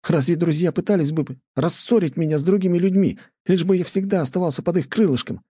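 A man's voice: mid-range voice, brisk, warm tone, slightly rough, no echo, pitched above the performer's own voice, lightly acted. A man doing a defiant hot-headed youth. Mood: indignant. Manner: defiant, heated.

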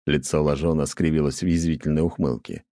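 A man reading an audiobook in a very deep, dark voice with a steady, measured delivery. The recording is close and completely dry. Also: no room sound. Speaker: narrator. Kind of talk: audiobook narration.

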